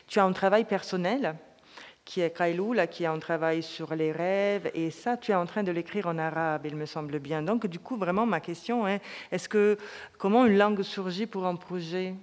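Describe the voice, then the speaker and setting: A woman's voice: lowish voice, a little mellow. Woman moderator asking questions in a hall. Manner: searching, restarts often while framing questions. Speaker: panel moderator. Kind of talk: moderating a panel discussion. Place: conference hall. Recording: reverberant lecture hall.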